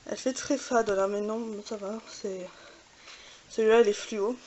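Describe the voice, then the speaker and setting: A woman's voice: mid-range voice, steady tone, normal speed, mellow. A woman with a French accent, chatting casually with many fillers while showing makeup swatches. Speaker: beauty vlogger. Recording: faint hiss.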